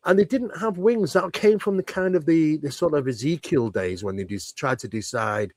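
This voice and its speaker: Explaining paranormal subjects at length as an interview guest, this paranormal researcher speaks emphatically and conversationally, often throwing in rhetorical questions. His voice is on the high side and darkish, at a moderate pace, in a dry recording.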